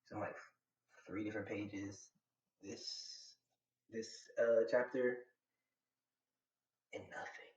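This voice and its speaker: A man's voice: lowish voice, little pitch movement, slow, pauses often, a little mellow. A young man from Atlanta in the US, streaming live and chatting casually with his viewers in a slangy, rambling way. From Atlanta, USA. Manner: slangy, rambling and chatty, talks back to chat. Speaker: live streamer reacting to manga. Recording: roomy, slightly dull home setup.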